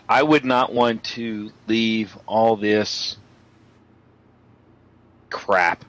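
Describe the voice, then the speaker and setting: A man in a casual group chat, speaking in an earnest, measured way. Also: lowish voice, a bit bright. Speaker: guest.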